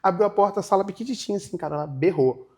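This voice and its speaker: Fast-talking man telling a story. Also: sits high. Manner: animated, acts out other people's lines in his retelling. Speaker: guest. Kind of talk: storytelling in a casual interview.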